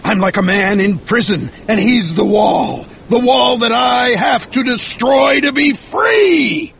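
A fierce old-sea-tale whaling captain, pitched high and swooping widely. He declaims with roaring, vengeful obsession, dragging his words for dramatic weight in an audiobook style. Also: animated, slow pace, fairly bright tone, a little hiss or hum, heavily acted. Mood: obsessed, raging.

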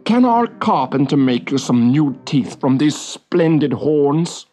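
Humble old Viking captain, read by a man, unhurried and tender, faint music behind. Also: fairly high pitch, big pitch swings, mellow. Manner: slow, tender and apologetic.

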